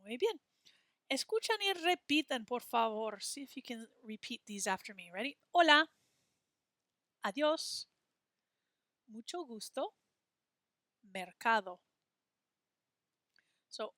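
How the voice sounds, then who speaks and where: Female language teacher, upper-register voice, patient slow modeling for repetition, dry close recording. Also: a little high, fairly bright tone, no echo. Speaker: Spanish teacher. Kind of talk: classroom lesson reading from a textbook.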